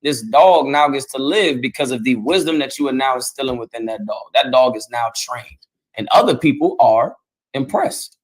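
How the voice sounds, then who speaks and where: A man preaching a colloquial sermon, repeating himself and asking "you understand?" again and again, sometimes rising to loud emphatic bursts. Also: medium pitch, lively intonation, moderate pace. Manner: repetitive, asks "you understand?" often. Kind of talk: street sermon.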